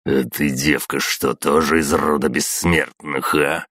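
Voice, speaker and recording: A man's voice: rumbling low, fairly even intonation, measured pace, a bit bright, no room sound, full character voice. A man doing a sneering brute of a guard. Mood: contemptuous. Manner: mocking, snarling. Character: hulking brutish male guard, sneering and vicious.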